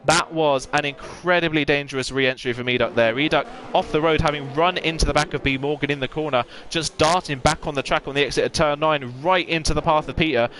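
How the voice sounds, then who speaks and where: A man's voice: a little high, steady tone, brisk, few pauses, a bit bright. A man giving fluent, detailed live play-by-play commentary as an esports sim racing commentator.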